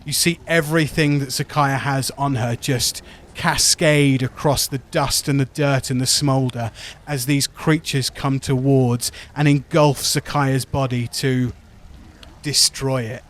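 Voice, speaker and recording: A man running a tabletop game, narrating dramatically and descriptively with deliberate pauses. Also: medium pitch, fairly even intonation. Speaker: game master.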